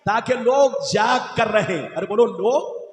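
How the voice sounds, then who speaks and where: High-pitched chanting male preacher, echoey hall. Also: slow pace. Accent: Indian Hindi-Urdu. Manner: chanting, calls on the crowd to respond. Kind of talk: fiery sermon to a crowd. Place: large gathering with sound system.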